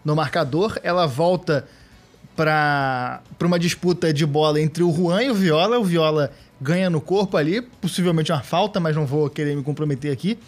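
Brazilian man, podcast host, football recap, sarcastic jokes, fairly high voice. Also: normal speed. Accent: Brazilian Portuguese. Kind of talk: casual match recap chat.

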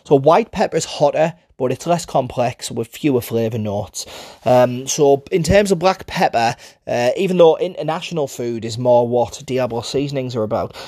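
Teesside bloke from middlesbrough doing a casual explainer, mid pitch, really dry recording. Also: male voice, moderate pace, warm tone, dry recording. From Middlesbrough, England. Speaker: presenter for a spice brand. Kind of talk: informal explainer talk.

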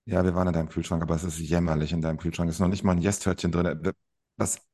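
A man's voice: sits low, level tone, rapid-fire, darkish tone, pitched below the performer's own voice. A man voicing a chatty, soothing vampire woman who stammers and rambles, in a tabletop role-play. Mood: coaxing.

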